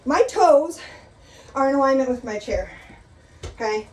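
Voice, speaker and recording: In an echoey room with a chair, captured by a mic at a distance, a middle-aged woman instructs a live exercise class while exercising. She's out of breath, chatty, and encouraging as she explains the moves, and her high voice is expressive, a little slow, and a little mellow.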